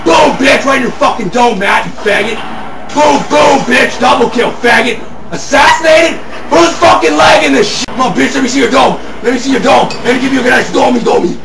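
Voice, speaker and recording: Young male gamer, explosive profane rants, shouting, roomy distant home-video sound. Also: very high-pitched, fairly quick, creaky, over music. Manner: ranting, profane, explosive yelling. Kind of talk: angry trash talk while gaming. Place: dim living room at home. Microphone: handheld camera a few feet away.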